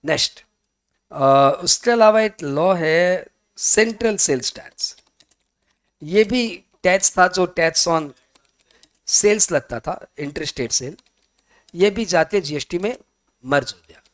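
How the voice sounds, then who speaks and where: A fairly high-voiced man gives a tax lecture. He talks in a loose, chatty way, keeps checking whether his students follow, and acts out their questions himself. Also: lively intonation, slow, long pauses. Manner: chatty, mixes Hindi and English, asks students questions. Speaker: tax teacher. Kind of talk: classroom lecture.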